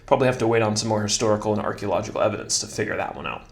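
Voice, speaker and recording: A man giving a casual Bible study lesson in a relaxed, self-deprecating way, joking about his own slips. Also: on the low side, very fast. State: slightly out of breath.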